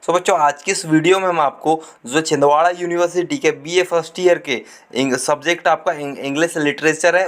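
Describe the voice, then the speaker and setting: A man with an Indian accent, working through an exam-solution lesson as an online tutor and reading aloud in a halting way, full of stumbles and restarts. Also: a little high, a bit bright.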